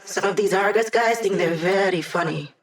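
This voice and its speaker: A woman's voice: mid-range voice, normal speed, lightly acted. An actress playing an upbeat, wry female hacker who gives a squad mission support in a video game, with playful, teasing, casual delivery.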